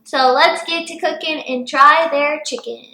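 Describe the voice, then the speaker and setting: A woman's voice: high voice, fairly even intonation, unhurried, pushed and bright, reverberant, low-quality recording. A woman co-hosting a home food-tasting vlog, chatty and upbeat. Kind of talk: casual food-tasting chat.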